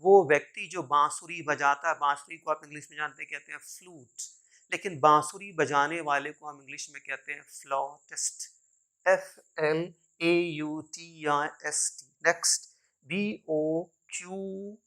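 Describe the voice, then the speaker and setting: Slow, bright-voiced teacher. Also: male voice, a little high, steady tone, clear, resonant tone. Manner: spells words letter by letter, then repeats the right pronunciation; mixes Hindi and English, often saying "my dear learners". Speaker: English teacher. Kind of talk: pronunciation lesson.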